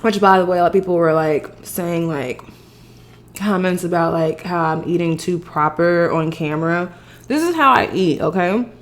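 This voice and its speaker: A mukbang host chats to the camera in a rambling, casual way while eating crunchy fried chicken. Her voice is fairly low in pitch, with a level tone and a moderate pace.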